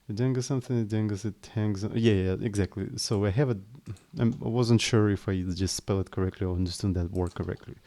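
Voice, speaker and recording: This streamer talks fast with barely a pause, his fairly low, mellow voice holding a steady tone. English isn't his first language, and while explaining code in a casual live chat he sounds hesitant and apologetic, often starting over.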